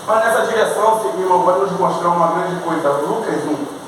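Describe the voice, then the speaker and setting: Brief: high-pitched male pastor, fervent, in a very echoey church hall. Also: a little fast, distant mic, noisy background. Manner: fervent, calls out to the congregation. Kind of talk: sermon.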